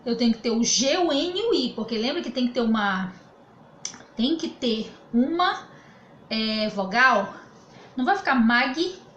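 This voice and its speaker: A woman's voice: on the high side, expressive, normal speed, a bit bright, muffled recording. A Brazilian woman teacher giving a remote grammar lesson, explaining patiently and often checking that students follow. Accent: Brazilian Portuguese. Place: home room during quarantine. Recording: echoey room with faint ambient noise.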